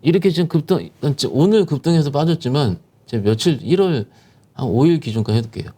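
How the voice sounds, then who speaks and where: A man talks through the stock market with a lively, swooping voice, pressing his points with rhetorical questions. His tone is dark and mellow. He sounds like a securities professional giving a guest commentary. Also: a little high, fast, slightly rough. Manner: animated, emphatic explanation with rhetorical questions. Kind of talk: explaining stock market conditions.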